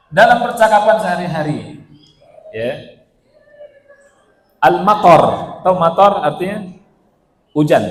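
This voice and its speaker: An Indonesian man giving a playful religious lecture in a mosque, quizzing his audience with rhetorical questions. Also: high voice. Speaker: religious teacher. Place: mosque hall. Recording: echoey hall reverb.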